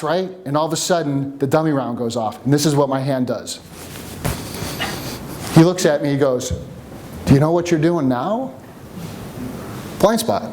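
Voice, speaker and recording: Animated man coaching a seminar room. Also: fairly high pitch, a little hiss or hum. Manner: animated, jokey, storytelling. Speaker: coach leading a workshop. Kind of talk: seminar teaching with stories. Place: room with a live audience.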